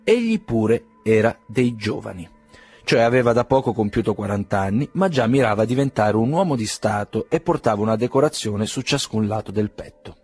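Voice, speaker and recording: A man narrating a classic novel in a measured, gently ironic audiobook reading. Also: lowish voice, lively intonation, slightly rough, soft background music.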